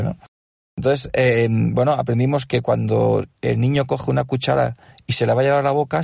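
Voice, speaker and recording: Man, parent testimonial, patient explaining, raspy, dry close sound. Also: mid-range voice, darkish tone, no echo. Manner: explains patiently with many fillers and asides. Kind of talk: casual testimonial.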